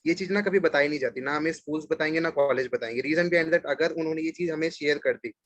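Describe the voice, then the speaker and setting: A man's voice: a little high, fast, fairly bright tone, dry recording. A man on a webinar panel giving business advice, explaining with everyday examples in mixed Hindi and English. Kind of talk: motivational panel talk.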